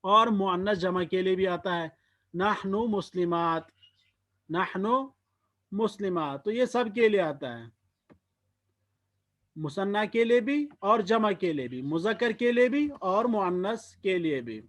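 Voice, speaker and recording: A man teaching Arabic grammar in Hindi, saying each word form slowly and then explaining its meaning. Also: sits high, animated, a bit bright. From Kashmir, India. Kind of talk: slow spoken lesson drilling word forms.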